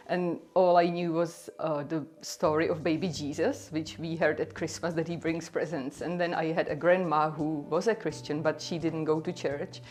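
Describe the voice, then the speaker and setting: A woman's voice: deep voice, darkish tone. A woman from the Czech Republic, speaking English with a Czech accent, tells her personal testimony in an earnest, conversational way full of "like" and "you know.". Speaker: speaker sharing her faith story.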